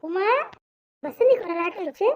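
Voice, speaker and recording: A woman's voice: very high-pitched, lively intonation, moderate pace. A woman voicing a pleading young cartoon wife. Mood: urgent. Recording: dull lo-fi audio.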